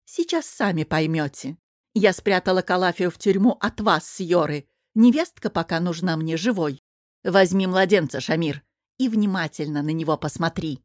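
A stern queen who rules her household with icy command, as a woman reads her in an audiobook. Her voice sits fairly low and sounds close and dry, and her words come out clipped and scornful. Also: normal speed, no echo, natural voice. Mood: cold. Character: stern, vengeful middle-aged queen. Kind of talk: audiobook character reading.

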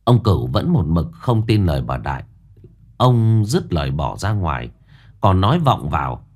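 A man narrating a ghost story in a lively, expressive reading. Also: low voice, moderate pace.

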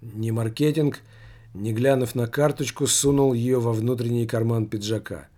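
Man narrating a novel in an even, measured way. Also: medium pitch. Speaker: audiobook narrator. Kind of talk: scripted narration.

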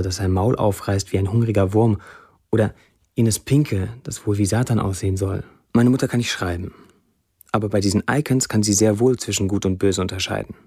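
In a radio play, a male actor delivers a literary monologue as a sardonic Syrian blacksmith who writes Facebook posts. His voice is lowish, husky and darkish in tone.

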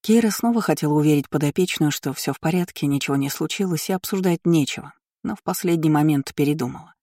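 An audiobook narrator reading a novel in an even, measured storytelling voice into a close mic. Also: medium pitch, dry recording. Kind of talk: scripted narration.

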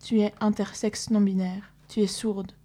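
A woman, an activist guest on community radio, reading a list briskly with an easygoing tone. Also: mid-range voice, level tone, mellow. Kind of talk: casual radio chat and reading a text aloud.

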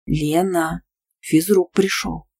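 A woman doing a sharp-tongued student girlfriend. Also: fairly low pitch, fairly even intonation, vocal fry, slightly rough, heavily acted. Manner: hissing whispers and quick jabs. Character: sharp-tongued young female student friend.

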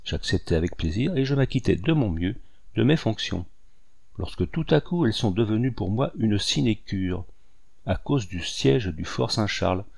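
A man's voice: lowish voice, gravelly, a little mellow, slightly rough, heavily acted. A man reading a wry modest old hunter. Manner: amused, modest.

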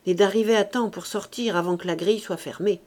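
A woman reading the part of a worried male gravedigger, low and quiet. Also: fairly even intonation, a little fast, lightly acted.

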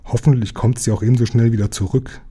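A man voicing a gruff, calm engine driver in a read-aloud children's story. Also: medium pitch, close to an everyday voice. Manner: grumbling, deliberate.

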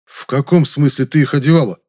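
A man voicing a frightened, simple-minded young peasant housemaid who squeaks and stammers through tears. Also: fairly even intonation, brisk, dark tone, lightly acted. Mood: squeaky, pleading.

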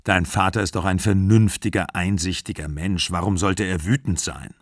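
A man reading an audiobook, voicing a calm older man who answers in a measured, reassuring way. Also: deep voice, dry recording, studio quality.

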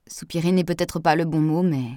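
A blunt, defensive man answers in short, guarded lines, read by a woman narrator. The voice is low and dry, with no room sound around it. It is a storybook reading of a man's part. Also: flat delivery, a little fast, mellow, no room sound, natural voice.

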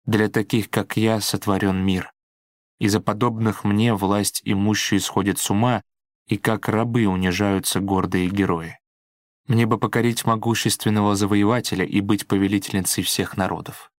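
A man's voice: level tone, moderate pace, dry recording, studio quality, lightly acted. A man voicing a haughty young woman who is overwhelmed by grief, pleading and crying out in a raised voice. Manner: pleading, shrill cries. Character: proud young woman, grief-stricken and frantic.

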